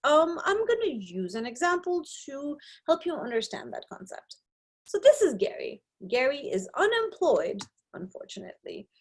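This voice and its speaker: Her voice is high-pitched with wide swings in pitch, and she talks at a normal speed. She is a young Nepali woman teaching sociology concepts in a slide lecture recorded on a webcam, speaking English as a second language and often asking "right?" to check in.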